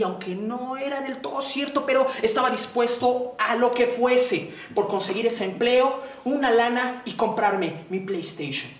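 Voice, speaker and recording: Mexican male storyteller for a young audience. Dramatic and playful. Recorded distant in a roomy space with faint noise. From southern coast of Mexico. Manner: dramatic, playful, swings pitch and slows for effect.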